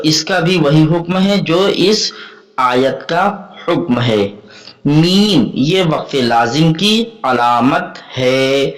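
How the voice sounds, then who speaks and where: A man teaching a lesson on Quran reading, explaining each point patiently and rephrasing it again and again. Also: medium pitch.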